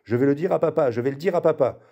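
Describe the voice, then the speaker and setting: A spoiled, furious little girl wails through her tears, her voice pushed up high, as a male reader puts her on. She sounds shrill and stubborn. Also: racing, warm tone. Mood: wailing, furious. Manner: wailing, raised voice.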